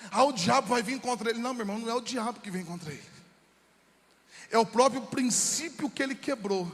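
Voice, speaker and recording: High-voiced Brazilian pastor preaching in a hall. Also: male voice, fairly bright tone. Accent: Brazilian Portuguese. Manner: fervent preaching, often calls the listener "meu irmão". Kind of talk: sermon. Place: church sanctuary. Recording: long church hall reverb.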